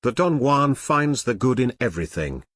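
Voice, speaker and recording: A man reading an audiobook aloud in a wry, mock-grandiose way, with dramatic pauses, close to the mic. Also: mid-range voice, very animated, fairly bright tone, no echo. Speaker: audiobook narrator. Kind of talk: scripted narration.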